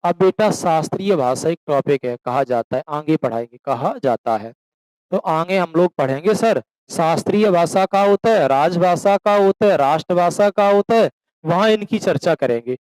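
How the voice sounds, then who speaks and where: A man's voice: fairly high pitch, expressive, moderate pace, darkish tone, smooth, dry recording, low-quality recording. A man teaching a classroom lecture, asking questions and answering them himself, addressing students as beta and slipping into rural dialect for examples. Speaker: coaching teacher.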